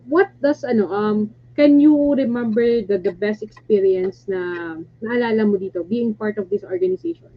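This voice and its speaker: A woman's voice: medium pitch, moderate pace, hardly any pauses. A woman with a Filipino accent hosting a casual online interview, hesitant with many fillers and restarts. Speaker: host, coach. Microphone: video call. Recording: dull lo-fi call audio with faint hum.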